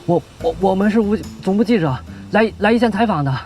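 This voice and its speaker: A nervous cameraman, fast, jumpy pitch, complaining, music behind. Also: sing-song. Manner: nervous, grumbling. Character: timid complaining male cameraman.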